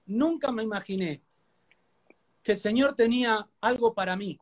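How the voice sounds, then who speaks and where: A man whose voice sits high speaks at a normal pace, sharing a personal testimony in a live interview with a Rioplatense Spanish accent. Earnest and heartfelt as a preacher, he repeats himself over and over for emphasis.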